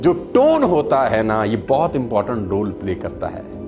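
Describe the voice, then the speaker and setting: A man giving a motivational talk to camera, animated and storytelling, with acted quotes and jokes. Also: mid-range voice, normal speed, over music. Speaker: motivational speaker and video creator.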